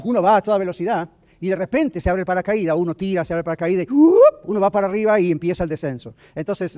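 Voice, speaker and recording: Brief: middle-aged man, pastor, quick lively sermon delivery, tenor-ish voice, slips in English phrases. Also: sits high.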